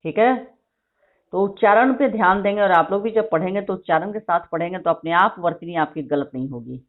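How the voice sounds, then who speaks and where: A woman teacher dictating a vocabulary list to her class, repeating each word slowly and explaining spelling. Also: on the low side. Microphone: phone recording of an online class. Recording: tinny phone-like screen recording.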